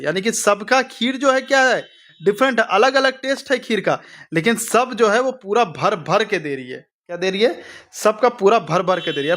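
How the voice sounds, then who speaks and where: A man's voice: high voice, fairly bright tone. A young man teaching an exam-prep lesson with memory tricks, asking rhetorical questions and repeating each answer. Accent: Hindi-speaking north Indian.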